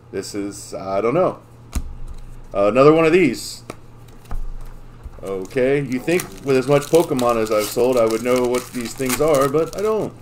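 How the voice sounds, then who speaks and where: A man's voice: medium pitch, darkish tone, slight background noise. Bemused man fumbling through names. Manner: playfully confused, stumbling over names. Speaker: card pack opener on live stream. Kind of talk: casual chat.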